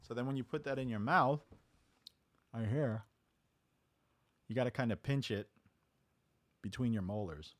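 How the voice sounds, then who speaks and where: A man's voice: mid-range voice, unhurried, long pauses. A man casually teaching a talk box technique step by step, checking in with "right?" as he goes. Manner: relaxed, explains step by step with "right?". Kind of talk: casual studio tutorial. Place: home music studio.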